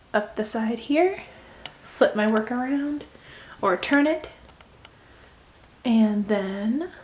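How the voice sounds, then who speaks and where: A woman hosting a casual crochet tutorial, chatting as she talks through each step. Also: on the high side. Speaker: crochet video host.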